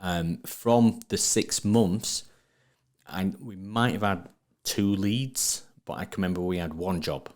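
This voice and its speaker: Male podcast guest, deep voice, Sheffield accent, chatty and emphatic, informal northern phrasing. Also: slow, darkish tone. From Sheffield, England. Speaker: podcast guest, trade business marketing speaker. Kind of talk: casual interview talk.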